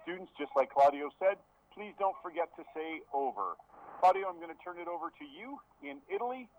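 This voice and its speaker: A man's voice: high voice, very animated, a little fast, creaky, darkish tone, slight background noise. A man moderating a live event over a link, handing over to other speakers. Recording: dull, band-limited phone-like line.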